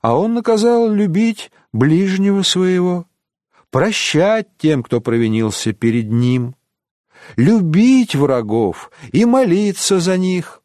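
A man doing a meek, soft-spoken friar. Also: high voice, sing-song, slow, no echo, studio quality, pitched above the performer's own voice, heavily acted. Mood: pious. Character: meek Franciscan friar, gentle and pious.

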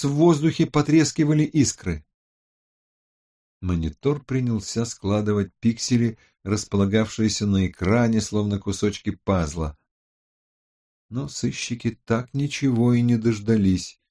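A man narrating a detective audiobook in a measured, expressive reading. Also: lowish voice.

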